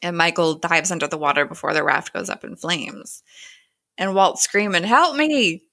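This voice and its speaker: A woman's voice: deep voice, steady tone, normal speed, creaky, sharp tone, no room sound, studio quality. A woman casually recapping a TV episode, storytelling with giggles and hummed cues.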